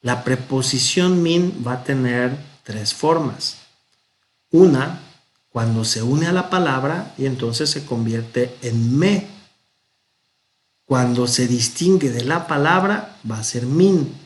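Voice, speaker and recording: A man with a Mexican Spanish accent teaching a Hebrew grammar lesson, patient and methodical, sounding out example words slowly. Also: medium pitch. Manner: patient, explains step by step, pronounces examples slowly.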